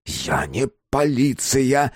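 A man voicing a pushy male manager who shouts orders in a strained, overly loud way, in an audiobook. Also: mid-range voice, wildly swooping pitch, normal speed, no room sound, studio quality. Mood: stern. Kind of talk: audiobook character voice.

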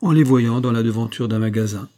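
A man's voice: mid-range voice, a little fast, mellow, lightly acted. A man voicing a mocking, sly master. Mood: jovial. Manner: jovial, sly, teasing. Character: mocking teasing middle-aged master of the house.

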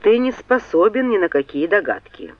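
A woman reading an audiobook, voicing a cool-headed young man who answers in a measured, cutting way. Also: mid-range voice, very animated, no echo, muffled recording.

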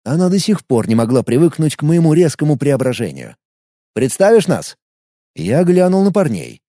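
A man's voice: on the high side, very animated, a little fast, mellow, dry recording, clean studio sound. A man narrating an audiobook in first person, with an ironic storytelling manner.

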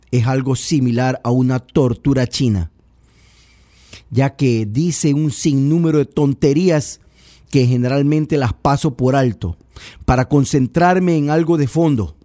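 Male political commentator, mellow low timbre, dry close sound, sarcastic and pedantic. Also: no echo. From Ecuador. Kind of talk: radio-style political commentary.

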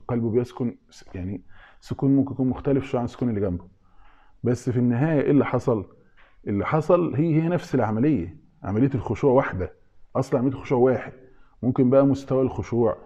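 Egyptian guy teaching religion, rattles along super fast, keeps asking "what?" and answering it himself, muffled recording. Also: mid-range voice, mellow. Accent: Egyptian Arabic. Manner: asks questions of listeners and answers them himself. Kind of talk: informal religious lesson.

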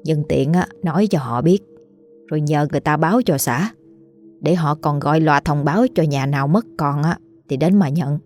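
A woman voicing a kindly, practical older village wife who calmly talks her husband into helping. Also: sits low, moderate pace, faint music behind, close to an everyday voice. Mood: persuasive.

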